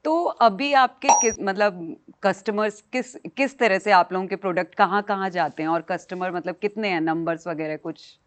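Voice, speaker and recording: A woman's voice: medium pitch, moderate pace, hardly any pauses. A woman hosts an interview podcast. Her voice sits in a middle range. She asks plain questions and keeps backing her guests with short murmurs of agreement. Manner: frequent short affirming murmurs. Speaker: podcast host.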